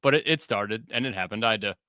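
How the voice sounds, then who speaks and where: A man's voice: fairly low pitch, fast, pushed and bright, smooth, no echo, studio quality. A man hosting a live-stream talk show, reading chat comments aloud with lots of "uh"s and frequent laughs. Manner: reads chat aloud, filler-heavy, laughs often. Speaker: podcast host. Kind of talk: casual live-stream banter.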